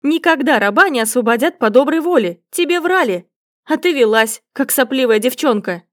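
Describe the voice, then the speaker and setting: A woman's voice: sits high, expressive, moderate pace, a bit bright. A woman voicing a cocky, teasing young man in a story she reads aloud. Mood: angry.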